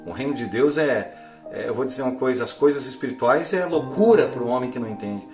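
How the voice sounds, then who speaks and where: A man giving an emotional church testimony, dropping to a hush and then rising to near-shouts. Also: mid-range voice, animated, a little fast, over music. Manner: fervent, swings from hushed to near-shouting. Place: church hall. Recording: echoey hall with faint instrument.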